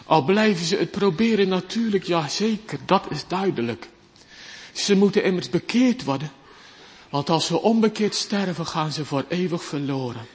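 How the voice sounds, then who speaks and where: A man delivers a sermon as pastor, slow and deliberate, his voice sitting fairly high and swinging widely in pitch. He pleads and repeats phrases with dramatic rises and falls. The sound carries a long church reverb. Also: lively intonation.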